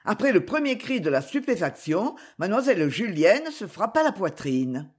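A woman narrating a novel chapter as an audiobook reader, with measured, expressive storytelling. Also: medium pitch, husky. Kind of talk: scripted narration.

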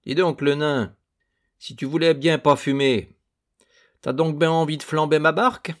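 A man voicing a calm young boat builder who chides quietly but firmly. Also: fairly high pitch, measured pace, voice pushed up, natural voice. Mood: chiding.

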